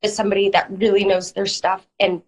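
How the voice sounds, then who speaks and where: Woman lawyer, guest on a live stream, has a cold, clears her throat, explains step by step with fillers. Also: mid-range voice, level tone, a little fast, low-quality recording. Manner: plain explanatory, uses hedging fillers. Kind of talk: live interview, explaining legal steps. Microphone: online video stream.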